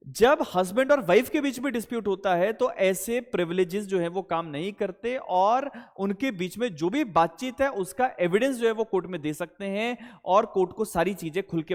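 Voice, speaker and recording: Speaking with an Indian accent and a high voice, a man lectures to explain the law. He asks questions and answers them himself in a teaching style, weaving in English legal terminology. The audio carries long reverb like a hall.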